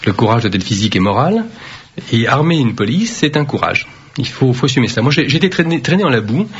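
A man who serves as a mayor, answering interview questions firmly and deliberately, with frequent hesitations. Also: mid-range voice, very animated, slightly rough. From Vietnam. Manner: firm, measured, with frequent hesitations. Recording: dull lo-fi radio recording.

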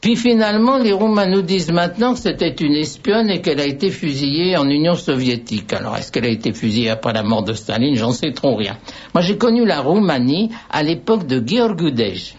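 A man's voice: a little high, lively intonation, fairly quick, slightly rough. Older man telling wry, rambling anecdotes. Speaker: guest. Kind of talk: radio conversation. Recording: dull radio sound.

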